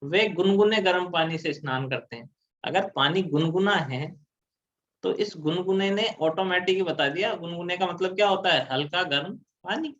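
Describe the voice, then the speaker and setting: A man's voice: high voice, moderate pace, fairly bright tone, dull audio. A man teaching an exam-prep grammar lesson, explaining step by step and asking and answering his own questions.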